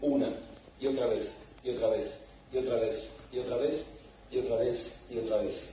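Stern actor in an echoey theater. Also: male voice, mid-range voice, steady tone, normal speed, warm tone, slight background noise. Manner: stern, emphatic. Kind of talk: curtain speech to a theater audience. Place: theater hall. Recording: distant echoey theater recording.

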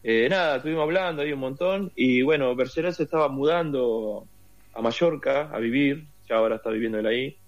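A man's voice: medium pitch, brisk, dull audio. An Argentine man with a Rioplatense accent, telling a long story as an interview guest with lots of fillers. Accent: Rioplatense Spanish. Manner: rambling storyteller with many fillers. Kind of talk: casual interview conversation.

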